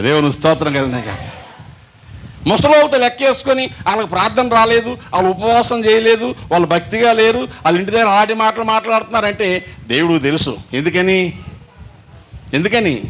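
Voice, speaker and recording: Male pastor, lively sermon delivery, high and animated pitch, repeats himself for emphasis. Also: slight background noise. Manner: emphatic preaching with rhetorical questions and repetition.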